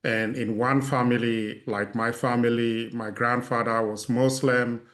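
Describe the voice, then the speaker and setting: A middle-aged man from Cameroon introducing himself as a panelist on a video call, measured and halting. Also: medium pitch, flat delivery, fairly bright tone. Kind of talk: casual self-introduction.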